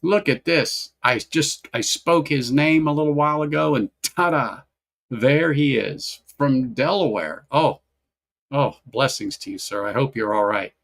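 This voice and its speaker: A man with a gravelly, creaky voice hosts a laid-back whiskey livestream. He talks in a loose, rambling way, doubling back on phrases and greeting viewers in the chat by name. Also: medium pitch, measured pace, a bit bright.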